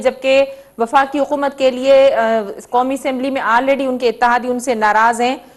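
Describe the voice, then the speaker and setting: A woman hosting a news talk show, who presses her guests with questions and stumbles over her opening words. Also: high voice.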